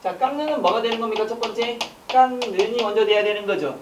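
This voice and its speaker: A man teaching an online exam-prep lecture, quizzing listeners with rapid rhetorical questions and casual joking asides. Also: high-pitched, expressive, background noise.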